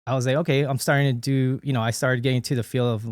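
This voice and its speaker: A man's voice: mid-range voice, little pitch movement, rapid-fire, dry recording, studio quality. A man in his late thirties, born in the Philippines and raised in Hawaii, telling his story as a podcast guest in a loose, chatty way full of fillers and restarts. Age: late 30s. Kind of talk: casual conversational interview.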